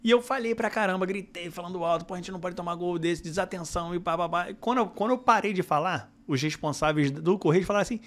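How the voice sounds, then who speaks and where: A middle-aged Brazilian man, a football director guest, telling anecdotes in casual podcast chat, his voice climbing when he gets excited. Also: high voice, fast talker, few pauses.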